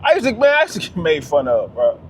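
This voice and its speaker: A man's voice: on the high side, wildly swooping pitch, fast, slight background noise. A man talking straight to camera in a casual vlog, emphatic and slangy, repeating his phrases for weight. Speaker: vlogger.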